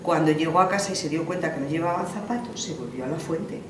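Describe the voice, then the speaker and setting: A woman's voice: low-pitched, fast talker, background noise. A woman from Spain telling a traditional folktale in a homely way, with fillers and restarts. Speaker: storyteller. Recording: roomy, from a distance, faint ambience.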